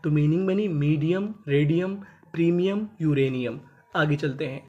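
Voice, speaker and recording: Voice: normal speed, a little mellow, highs cut off. A teacher spelling out English words letter by letter, sounding them out and then giving each word's meaning. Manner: drops pitch on the last word of each list. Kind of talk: spelling and phonics lesson.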